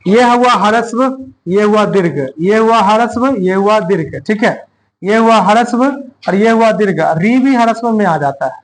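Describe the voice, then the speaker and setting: High-voiced man dictating a lesson. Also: slight background noise. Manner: dictates slowly, repeating phrases word by word. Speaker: teacher. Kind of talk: classroom grammar lesson.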